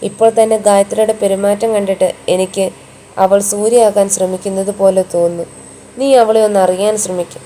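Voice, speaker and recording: A woman's voice: medium pitch, little pitch movement, fairly quick, dark tone, a little hiss or hum, lightly acted. A woman reading the part of a blunt male friend who lectures and scolds in a firm tone. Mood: lecturing.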